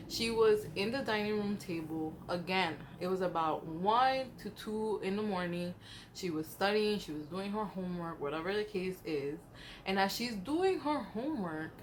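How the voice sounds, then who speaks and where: A woman's voice: mid-range voice, fairly bright tone. Woman telling spooky stories over background noise. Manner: chatty, slangy, acts out quoted dialogue. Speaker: storyteller. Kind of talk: casual spooky storytelling.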